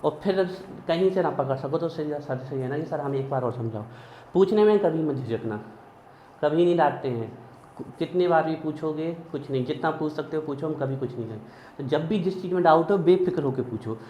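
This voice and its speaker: A man with a rather high, fairly fast voice lectures on chemistry in a classroom, chanting mnemonic lists in a sing-song rhythm. The recording is dull and lo-fi, with room echo and a faint hiss.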